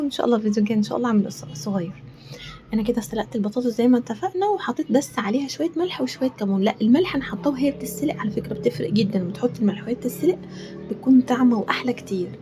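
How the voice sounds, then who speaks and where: A woman's voice: on the high side, expressive, very fast, warm tone, soft background music. A woman with an Egyptian accent, cooking in her home kitchen and chatting in a rambling way with frequent pious asides. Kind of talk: casual chat while cooking.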